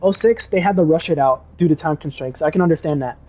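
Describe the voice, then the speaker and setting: A young man streaming casually, reading chat and rambling excitably with lots of "dude" and "bro". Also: on the high side, fast talker.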